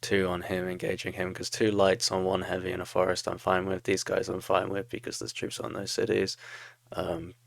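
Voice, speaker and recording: Low, gravelly man reviewing his game. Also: monotone, moderate pace, no echo. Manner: self-critical, talks through moves, laughs at own mistakes. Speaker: gamer reviewing his own replay. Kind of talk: casual game commentary.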